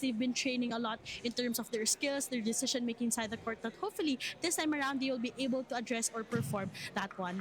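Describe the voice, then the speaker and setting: A woman with a Filipino accent delivering a prepared sports report as a courtside reporter. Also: high-pitched. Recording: noisy venue ambience.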